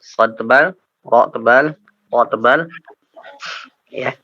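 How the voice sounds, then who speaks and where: A man with an Indonesian accent teaching Quran recitation, patiently correcting pronunciation letter by letter and chanting verses slowly as models. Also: mid-range voice, no room sound, dull audio. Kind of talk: tajwid lesson with slow model recitation.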